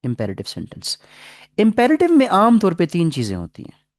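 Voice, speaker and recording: A man teaching English grammar in a classroom lecture, explaining patiently, reading English example sentences slowly and asking the class questions. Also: high voice, huge pitch swings, no room sound, clean studio sound. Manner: asks the class questions and repeats answers.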